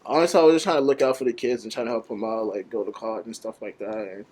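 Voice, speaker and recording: A man's voice: on the low side, steady tone, rapid-fire, a little mellow. Laid-back young man, filler-heavy talk. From Nigeria. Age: young adult. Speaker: guest, college basketball player and content creator. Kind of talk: casual interview chat.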